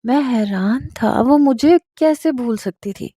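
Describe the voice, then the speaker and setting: A woman narrating a first-person romantic story in a steady, scripted reading style. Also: a little high, dry recording, clean studio sound.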